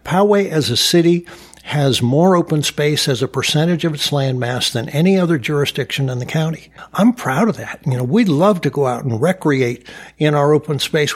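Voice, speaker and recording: A man's voice: on the high side, slightly rough. A man, a mayor running for county office, giving upbeat interview answers, proud and full of uh fillers. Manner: upbeat, boastful, frequent uh fillers. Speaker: mayor and county supervisor candidate.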